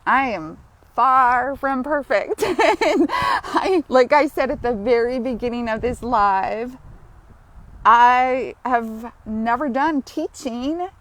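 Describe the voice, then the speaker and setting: A woman's voice: on the high side, lively intonation, slow pace, a bit bright. A woman hosting a live-streamed grief healing session outdoors while walking, talking in a heartfelt, chatty way and often breaking into laughter. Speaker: grief support host.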